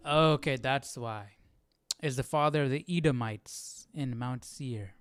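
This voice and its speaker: A man hosts a livestream Bible study, giving casual live commentary on the reading and thinking aloud as he follows along. His mid-range voice is a little slow.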